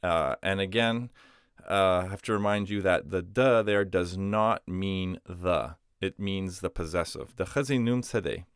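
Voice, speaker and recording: A man's voice: sits low, fairly even intonation, measured pace, fairly bright tone, smooth, no echo, clean studio sound. A man explaining a grammar lesson patiently, step by step, with some "uh"s and restarts. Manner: patient, step-by-step explanations with frequent "uh" and self-corrections. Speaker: language teacher.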